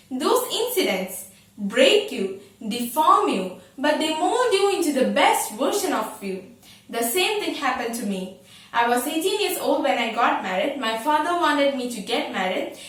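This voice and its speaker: A woman's voice: sits high, fairly bright tone. A teenage girl declaiming a memorised speech as a student, with prim, precise elocution. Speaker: student contestant in a declamation contest. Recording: very echoey room, distant microphone.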